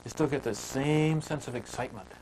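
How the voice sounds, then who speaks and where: A man's voice: medium pitch, a little fast, darkish tone, slight background noise, low-quality recording. Easygoing folksy male woodcarving teacher. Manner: easygoing, homespun, chatty with filler words. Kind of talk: folksy storytelling while demonstrating carving.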